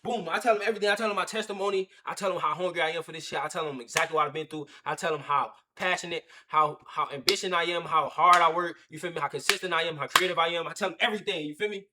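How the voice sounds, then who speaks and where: A young man, telling a story to his live chat on a webcam mic and acting out the other people's lines with lively energy. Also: a little high, very fast, few pauses, background noise. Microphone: webcam or phone on a stand.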